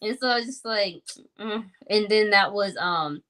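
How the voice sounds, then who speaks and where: A woman's voice: medium pitch, moderate pace, fairly bright tone. A woman in her thirties sharing her personal story in a podcast conversation, reflective and earnest, with many fillers.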